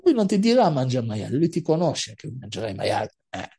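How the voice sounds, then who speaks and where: A woman teaching through a storytelling sermon, lively, with frequent asides to her listeners. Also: low-pitched, a little fast, gravelly, slightly rough. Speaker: religious teacher.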